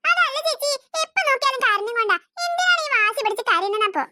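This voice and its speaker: A woman's voice: extremely high pitch, animated, fast, music in the background. A woman voicing a fretful young mother in a cartoon, complaining about her crying baby. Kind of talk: cartoon dubbing.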